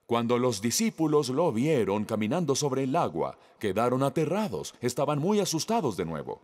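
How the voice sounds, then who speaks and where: A man's voice: mid-range voice, sing-song, normal speed, darkish tone, in a large hall. A man preaching a sermon, reading scripture aloud and putting questions to the congregation.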